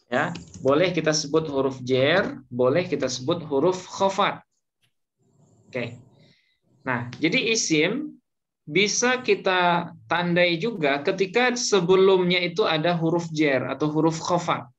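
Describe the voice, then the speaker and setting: A man's voice: on the high side, measured pace, fairly bright tone. A man teaching Arabic grammar to a class, patiently repeating each point and leaving gaps for students to finish his words. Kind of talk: slow classroom lesson. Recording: dull lo-fi recording, faint noise.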